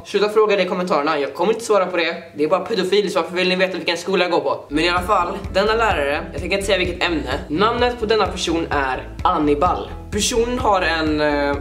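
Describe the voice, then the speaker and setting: A teenage boy vlogging, telling stories to the camera in an animated, joking way and apologizing often. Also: high voice, reverberant. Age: teens. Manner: animated, jokey, keeps apologizing. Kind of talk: casual storytelling to camera.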